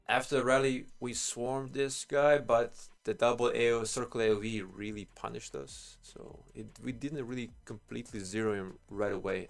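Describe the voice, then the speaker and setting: A man from Bosnia and Herzegovina, live streaming a game, gives casual, rambling commentary and thinks aloud in informal language, his mid-range voice a bit gravelly.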